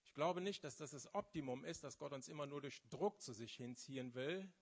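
Man in his fifties preaching, halting. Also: fairly high pitch. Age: 50s. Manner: halting, searching for words, then rising with fervor. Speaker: lay preacher. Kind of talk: sermon testimony.

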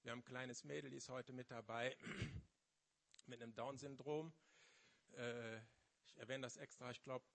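Man in his fifties preaching, halting. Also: medium pitch, steady tone, gravelly, fairly bright tone. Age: 50s. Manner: halting, searching for words, then rising with fervor. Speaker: lay preacher. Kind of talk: sermon testimony.

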